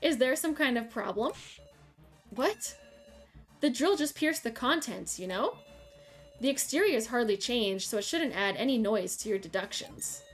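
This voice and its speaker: A woman reading aloud the lines of a smug, cruel young woman in a game, in a calm, taunting way. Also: a little high, unhurried, faint music behind.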